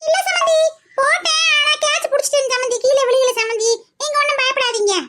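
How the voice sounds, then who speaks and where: A woman playing a loud, bossy older woman who insists on having her way in a comic skit. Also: fast talker. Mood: flustered. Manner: shrill, insistent, repeats herself.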